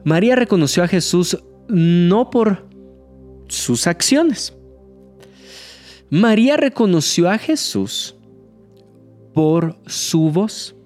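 A man's voice: high-pitched, expressive, darkish tone, soft background music. Earnest man preaching. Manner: earnest, slows on key phrases, jokes lightly. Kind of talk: sermon.

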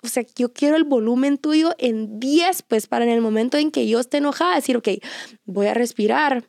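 A woman talks in a high, bright register. She speaks earnestly about faith and often doubles back on phrases for emphasis. The recording is dry and close to the mic. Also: a little fast, no room sound. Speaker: mother.

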